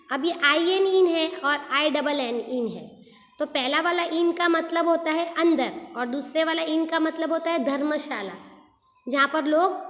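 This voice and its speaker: Slow high-voiced woman teaching children. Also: a bit bright, reverberant, long reverb tail. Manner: slow, patient, repeats and spells out words letter by letter. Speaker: school English teacher. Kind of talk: explaining homophones to young children.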